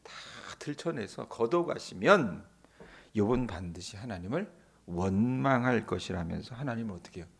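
A man's voice: fairly low pitch, expressive, normal speed, gravelly, breathy edge. A male pastor preaching an early-morning sermon, often putting rhetorical questions to the congregation. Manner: acts out the Bible dialogue in quoted voices.

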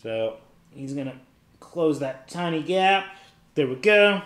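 A man's voice: a little high, lively intonation, takes it slowly, fairly bright tone. A man casually narrating a solo tabletop wargame, calling out each dice roll step by step and thinking aloud. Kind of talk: casual play-by-play of dice rolls. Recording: echoey room.

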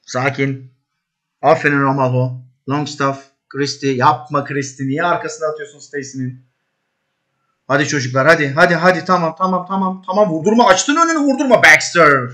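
Excitable man coaching players in a game. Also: normal speed. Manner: coaching players aloud, urging and scolding; bursts into high shouts at attacks. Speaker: host playing a football management game. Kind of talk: live commentary while gaming.

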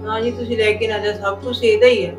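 A woman's voice: mid-range voice, level tone, fast talker, soft background music, natural voice. An actress playing a mother-in-law who protests and defends her family in a village family drama. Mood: defensive.

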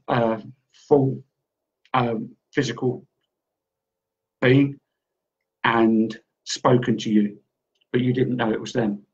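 A man co-hosting, giving a casual spiritual reading in a rambling way and often repeating himself. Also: mid-range voice. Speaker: psychic reader and co-host. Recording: dull lo-fi audio.

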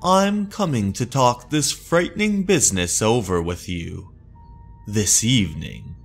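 A man playing a grave, alarmed older man in a horror comic, speaking with measured suspicion. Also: mid-range voice, animated, gravelly, faint music behind.

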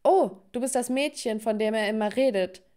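A woman's voice: a little high, normal speed, mellow, natural voice. A woman playing a cocky, smug teenage boy. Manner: boastful, cocky.

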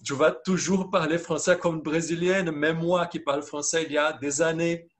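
Taking part in a round-table panel over video call, a Brazilian teacher talks in French, hesitantly and with a Brazilian Portuguese accent. His voice is a little high, his intonation fairly even, and his pace moderate, and he keeps asking "d'accord?".

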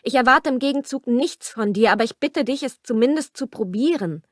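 A woman's voice: mid-range voice, normal speed, no echo, clean studio sound, close to an everyday voice. A woman reading a romance audiobook aloud and voicing a passionate young wife, her delivery pleading and emphatic.

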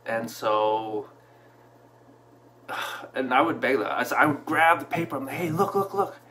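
Man in his thirties, casual storytelling vlog, reflective, mid-pitched voice, faint hum. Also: a little slow. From Canada. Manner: relaxed, reflective, with frequent fillers and restarts. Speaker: vlogger. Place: small room at home, indoors. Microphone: camera in front at desk distance.

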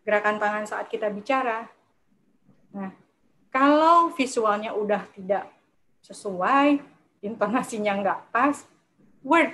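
Woman running a public speaking workshop, chatty, kinda high voice, a bit of hiss behind. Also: low-quality recording. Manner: chatty, often acts out timid speakers. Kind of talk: lively workshop lecture. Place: lecture room with a live audience.

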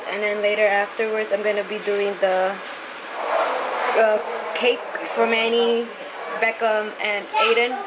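A young woman chats casually to camera in a family home vlog, rambling and using fillers in a mid-range voice with a flat delivery and measured pace. She moves between her kitchen and an outdoor patio. The camera is handheld at arm's length, so the home video audio is noisy.

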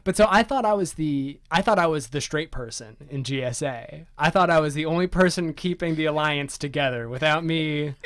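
A man's voice: a little high, moderate pace, hardly any pauses, a bit bright, dry recording. A man in his twenties from Maryland, a podcast guest, telling personal stories in a chatty way full of "like" fillers and self-deprecating jokes. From Maryland, USA. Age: 20s. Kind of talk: casual conversational storytelling.

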